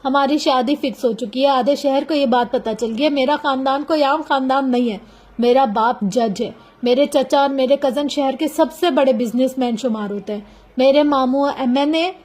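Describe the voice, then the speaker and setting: A woman's voice: high-pitched, moderate pace. A woman voicing a proud, defiant young woman who speaks sharply and stresses each word, in a storybook reading. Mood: resigned. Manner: sharp, emphatic.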